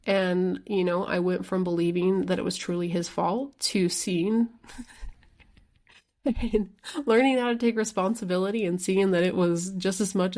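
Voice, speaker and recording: A woman with a lowish, darkish voice hosts her own podcast as a life coach. Alone at the mic, she talks candidly and chattily, filling her speech with "like" and the odd mild swear word.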